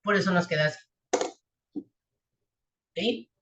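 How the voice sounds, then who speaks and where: A woman teacher with a lowish, fairly bright voice takes her time walking a class through equations and physics, checking in often with short questions. The audio of this classroom lesson is dull and echoey.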